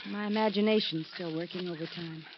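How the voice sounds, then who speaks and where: A woman's voice: on the low side, steady tone, brisk, lightly acted. An actress playing an uneasy, fretful woman companion in 1950s radio drama. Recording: muffled radio recording with heavy noise.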